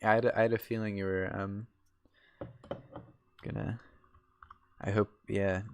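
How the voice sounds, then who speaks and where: Young male streamer, casual gaming chat, low-pitched, gravelly, rambling delivery with fillers. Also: little pitch movement, a little slow, a little mellow, highs cut off, slight background noise. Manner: rambling, many fillers and restarts.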